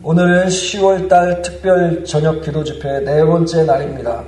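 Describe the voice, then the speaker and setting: A man's voice: a little high, fairly even intonation, moderate pace, darkish tone. Male preacher, sermon, earnest and fervent, distant mic, roomy church echo. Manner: earnest, building to fervent proclamation. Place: church sanctuary.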